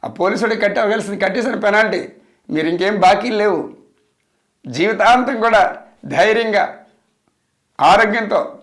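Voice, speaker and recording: A pastor preaching with a fairly high voice. He drives each point home by repeating it and asking question after question. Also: a bit bright. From India. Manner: emphatic, repetitive preaching with rhetorical questions. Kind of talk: sermon.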